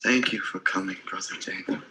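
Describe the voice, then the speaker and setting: A man's voice: deep voice, steady tone, brisk, pushed and bright, slight background noise. An actor playing a fervent young male preacher who commands and rants at a sinner in a film drama. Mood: commanding. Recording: echoey room in a film clip.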